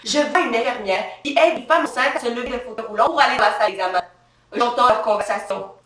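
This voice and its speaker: A woman's voice: on the high side, quick pace, crowd noise. A woman performing a theatrical, emphatic satirical monologue as a comic journalist character on a live stage. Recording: roomy live stage sound from a distance.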